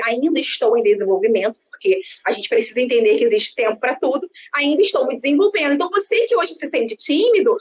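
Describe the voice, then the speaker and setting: Brazilian woman, 30s, sales consultant; outgoing, animated talker; high voice, dull lo-fi call audio. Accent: Brazilian Portuguese. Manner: expansive, lively, self-described outgoing talker. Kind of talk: conversational interview on a live stream. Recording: dull lo-fi sound with faint background noise.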